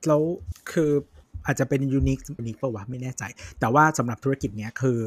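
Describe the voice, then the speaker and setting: A man's voice: mid-range voice, brisk, husky. A man co-hosting a podcast in casual chat, blunt and slangy. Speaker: podcast co-host.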